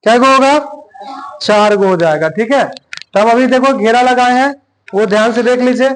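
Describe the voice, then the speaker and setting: High-voiced man dictating a lesson. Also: a bit bright. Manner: dictates slowly, repeating phrases word by word. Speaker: teacher. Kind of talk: classroom grammar lesson.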